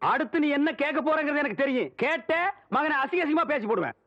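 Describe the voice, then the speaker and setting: An actor in a film comedy scene, firing off sarcastic, scolding banter. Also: male voice, very high voice, expressive, quick pace, highs cut off.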